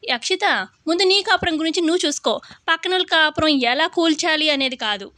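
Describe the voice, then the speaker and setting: A woman's voice: extremely high pitch, quick pace, pushed and bright, no room sound, voice pushed up. A woman voicing a defiant young daughter-in-law who taunts her mother-in-law. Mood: defiant taunting. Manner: taunting, challenging.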